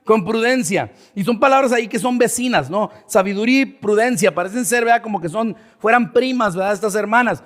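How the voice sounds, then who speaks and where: A man's voice: high-pitched, brisk, hardly any pauses, fairly bright tone, long reverb tail. A man preaching a sermon to his congregation, often checking in with "verdad?" as he teaches. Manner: keeps asking the congregation "verdad?". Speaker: pastor. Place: church sanctuary.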